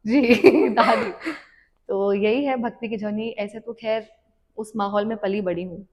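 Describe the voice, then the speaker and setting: A young woman guest on a podcast, telling her story in a reflective, unhurried way and mixing English words into her speech. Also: mid-range voice, fairly even intonation, mellow. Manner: mixes English words into Hindi talk. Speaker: podcast guest, devotional content creator. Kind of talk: casual interview chat.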